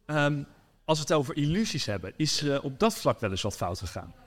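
A man hosting a casual interview, prompting his guest with relaxed questions. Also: on the high side, brisk. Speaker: podcast host.

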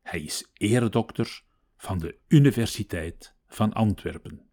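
A man hosting a podcast, reading poems and talking calmly with lively intonation. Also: lowish voice, unhurried. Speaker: podcast host. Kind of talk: podcast narration and poetry reading. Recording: music playing behind the voice.

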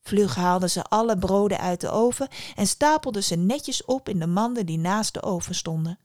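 A woman podcast host narrating a fairy tale in a calm, expressive way. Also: medium pitch, moderate pace, no echo, clean studio sound.

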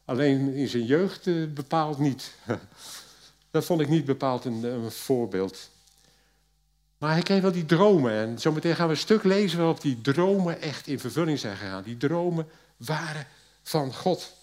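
A man preaching a sermon, retelling a story in a lively way that swings between loud and hushed, with hesitant pauses. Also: fairly high pitch.

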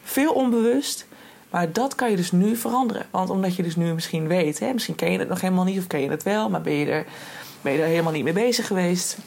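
Chatty young woman with a husky voice. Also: on the low side, fast talker, a little mellow. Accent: Dutch. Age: young adult. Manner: chatty, lots of fillers and restarts. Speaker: podcast host. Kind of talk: casual solo podcast talk.

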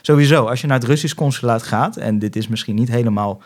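A man's voice: mid-range voice, fast. Young guy from the netherlands, podcast guest, rambling story, mid voice, does little voices for calls. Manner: animated, acts out phone calls in voices. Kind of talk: casual storytelling chat.

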